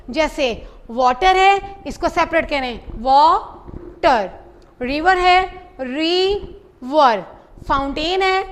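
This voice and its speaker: Woman, English teacher, very high pitch, unhurried, dictates sentences then explains, sounds out syllables. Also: a bit bright. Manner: spells out words syllable by syllable. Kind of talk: classroom lesson, translating English into Urdu.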